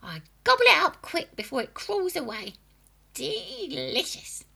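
Creaky whispery old witch granny, slow and gloating, swooping way up high. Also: huge pitch swings, pushed and bright, exaggerated voice. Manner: slow, gloating, relishing each word. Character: nasty old grandmother, a menacing witchlike hag.

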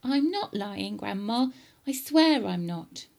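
A woman's voice: medium pitch, lively intonation, takes it slowly, gravelly, darkish tone. A woman voicing an earnest, eager young boy who calls out defiantly in a children's storybook. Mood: insistent. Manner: calling out and protesting. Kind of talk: children's storybook character reading.

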